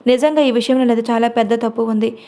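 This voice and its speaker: A woman's voice: fairly high pitch, fairly even intonation, fast, mellow, lightly acted. A woman storyteller voicing a young man full of regret in a storybook. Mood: remorseful.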